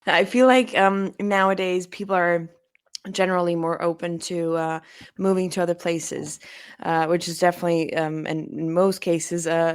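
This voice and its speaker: A woman hosts a podcast, reading her introduction in a clear, measured way. Her voice sits slightly low, and the sound is dry and close. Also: no room sound. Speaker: podcast host. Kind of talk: scripted intro and interview questions.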